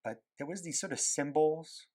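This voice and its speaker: He's a native French speaker from Quebec, Canada, an animator and illustrator with a Quebec French accent. While drawing, he talks casually at a normal speed in a fairly high but dark-toned voice, rambling, groping for words and filling pauses constantly.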